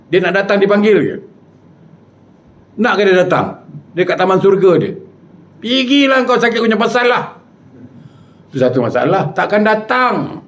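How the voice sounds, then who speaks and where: A man preaching with animated, jokey storytelling. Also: high-pitched. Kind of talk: humorous storytelling sermon.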